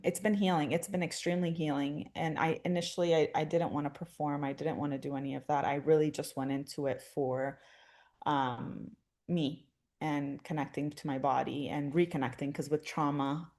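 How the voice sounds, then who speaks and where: In this relaxed interview conversation, the guest is a young adult woman from Syria who works as a therapist and teaches dance. She speaks in a low-pitched, darkish voice with fairly even intonation and a moderate pace, reflecting aloud amid many fillers and restarts.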